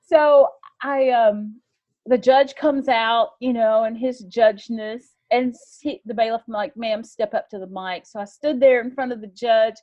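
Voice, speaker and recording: A woman co-hosting a podcast, telling a story in an animated, excitable way. Her voice sits fairly high. The recording sounds dull and lo-fi. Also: unhurried. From Texas. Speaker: podcast co-host. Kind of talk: casual storytelling chat.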